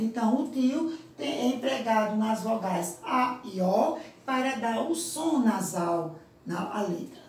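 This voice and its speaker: Brazilian woman, primary teacher on a recorded lesson, patient and drawn-out, miked from a distance, faint hiss behind. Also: a little high, a little mellow. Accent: Brazilian Portuguese. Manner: slow, drawn-out example words, frequent "certo?" check-ins. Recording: echoey room, from a distance.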